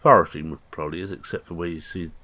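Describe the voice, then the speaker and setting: A man's voice: sits low, steady tone, quick pace, pushed and bright. A man, chatting casually through gameplay commentary with rambling, jokey asides. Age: 60s. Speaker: gaming channel host.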